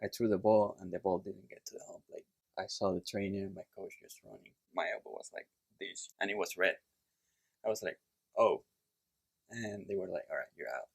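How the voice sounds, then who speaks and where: A Puerto Rican chiropractor, appearing as a guest in a casual interview, tells his story in a relaxed, plain way with fillers. His voice sits low and creaky, he speaks fairly quickly, and he has a Puerto Rican Spanish accent.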